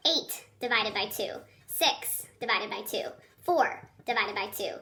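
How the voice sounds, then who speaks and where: A woman with a squeaky, helium-like chipmunk voice teaching children in a chatty, encouraging, informal video lesson. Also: expressive, a little slow, bright, forceful tone. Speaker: elementary school teacher.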